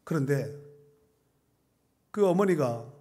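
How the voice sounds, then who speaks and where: A man's voice: fairly high pitch, lively intonation, takes it slowly, warm tone. A middle-aged man, a pastor, preaching a sermon in a church, telling stories conversationally and reading scripture with rising emphasis. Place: church sanctuary.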